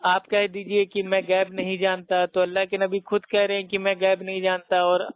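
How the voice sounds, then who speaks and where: Combative high-voiced Indian man on a phone line. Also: monotone, moderate pace, clean tone, no echo. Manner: combative, mocking, preachy. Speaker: debater. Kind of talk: heated phone argument. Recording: tinny dry phone line.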